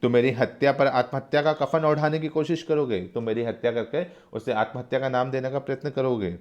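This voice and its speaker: A man voicing a defiant young male freedom fighter in a play, speaking slowly and emphatically. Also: mid-range voice, fairly even intonation, darkish tone, muffled recording, close to an everyday voice. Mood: resolute.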